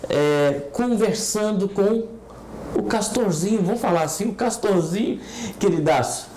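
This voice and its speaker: A woman's voice: medium pitch, expressive, unhurried, mellow, a little hiss or hum, low-quality recording. A Brazilian woman hosting a programme, declaiming verse and introductions in a showy ringmaster manner. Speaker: host of a city arts and memory programme. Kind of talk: poetry recital and programme introduction.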